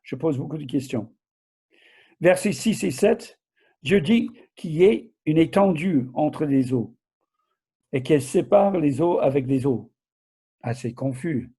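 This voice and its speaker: An older man preaches informally in a soft-edged, husky voice. His accent blends southern France with America, and his French is a little broken, with halting self-corrections and small questions to the listener. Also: on the high side, lively intonation. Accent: mixed southern French and American. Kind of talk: informal Bible teaching.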